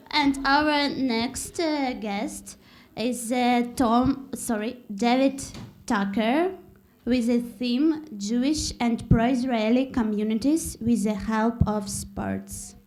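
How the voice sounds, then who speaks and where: A woman's voice: fairly high pitch, slow pace, darkish tone. A woman hosts the event between talks, giggly and hesitant. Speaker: event host. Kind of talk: casual hosting between talks.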